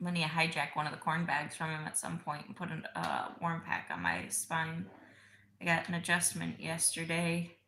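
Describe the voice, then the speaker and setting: A woman's voice: low-pitched, moderate pace, creaky, roomy sound, slight background noise. A woman streaming from home, chatting casually with her child and viewers, tired and yawning. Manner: tired, yawning, soft-spoken. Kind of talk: casual live stream chat.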